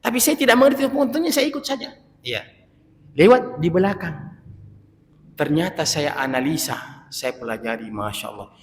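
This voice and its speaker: Male Islamic teacher, high and swooping voice, animated storyteller, long reverb of a mosque hall. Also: a little fast, a little hiss or hum. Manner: animated storytelling, addresses listeners as sir. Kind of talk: mosque study lecture.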